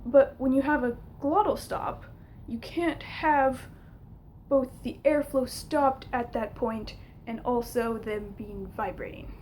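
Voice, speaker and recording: High-voiced young woman teaching informally. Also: slow, a little mellow, slight background noise. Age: young adult. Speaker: linguistics teacher. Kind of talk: informal explanatory lesson to camera. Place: small room at home, indoors.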